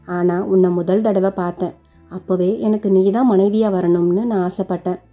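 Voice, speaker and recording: A woman voicing a gentle, devoted young groom. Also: mid-range voice, close to an everyday voice. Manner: earnest, reassuring, explains at length.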